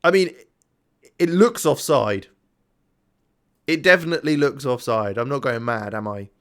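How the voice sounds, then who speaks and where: Guy chatting over his football game, mid pitch, lots of ums, kinda tired and yawny. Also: unhurried, a bit bright. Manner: rambling, self-chatting, thinks aloud with many ums. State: yawning and tired. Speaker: gaming YouTuber. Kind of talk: casual let's-play commentary.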